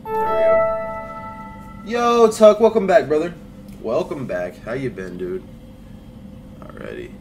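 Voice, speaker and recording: A man's voice: medium pitch, big pitch swings, measured pace, vocal fry, pauses often. A man on a livestream headset mic, giving casual gameplay commentary and greeting chat by name with slangy "bro" and "dude". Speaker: game streamer. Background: game music.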